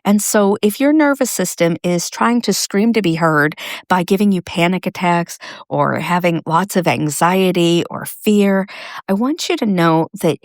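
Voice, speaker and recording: A middle-aged woman hosting a faith-based coaching podcast, talking in a gently reassuring, conversational way. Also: lowish voice, unhurried, no room sound, studio quality. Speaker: podcast host.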